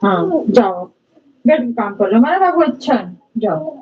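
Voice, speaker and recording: A woman singer chatting casually with viewers on a livestream from her home. She talks easily with her audience and gently coaxes and soothes small children nearby. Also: fairly high pitch, big pitch swings, measured pace, breathy edge. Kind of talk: casual live chat. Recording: dull lo-fi livestream audio with faint noise.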